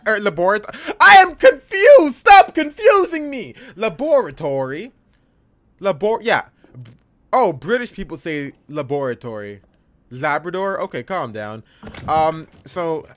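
A man streams a live game playthrough, talking in a high voice that leaps up and down with excitement. He chats loosely, full of slang and casual swearing. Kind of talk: live gameplay commentary.

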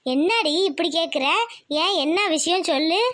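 Woman voicing a chatty cartoon aunt: very high and bright. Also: moderate pace. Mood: teasing. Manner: teasing, talkative. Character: chatty middle-aged village aunt who weaves brooms.

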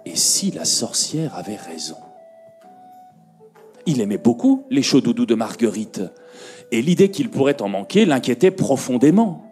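A man telling a fairy tale to a conference audience, slow and expressive, dropping his voice and lifting it for effect. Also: mid-range voice, faint music behind. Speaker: storyteller. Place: conference room.

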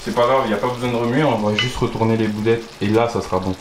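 A man's voice: medium pitch, steady tone, rapid-fire, noisy background. Young man cooking in an echoey kitchen. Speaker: co-host of a home cooking video. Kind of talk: casual cooking chat with instructions to camera. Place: small tiled home kitchen, indoors. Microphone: camera at about arm's length or further. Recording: echoey kitchen, music and frying behind.

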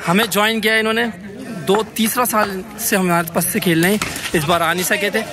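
A man giving excitable live commentary on a night street cricket match, shouting praise for good deliveries. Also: high-pitched, a little fast. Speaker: vlogger doing live commentary. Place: outdoor floodlit street cricket ground at night. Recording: noisy crowd around a phone mic.

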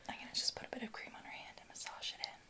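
A woman in her twenties whispering and speaking softly as she hosts a personal-attention ASMR session. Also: rapid-fire. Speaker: ASMR host giving a massage. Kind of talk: soft-spoken whispered ASMR. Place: small bedroom, indoors.

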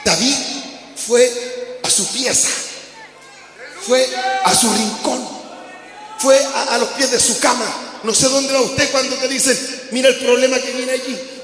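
A man preaching a sermon as pastor, often shouting for emphasis. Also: very high voice, takes it slowly, pauses often, soft background music. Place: church hall. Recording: echoey hall with background noise.

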